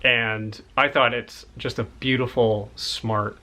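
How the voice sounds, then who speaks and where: A man's voice: medium pitch, steady tone, slow pace, pushed and bright. A man in a casual, rambling chat about books he has found, enthusiastic and a little out of breath. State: slightly out of breath. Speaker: book collector showing a haul.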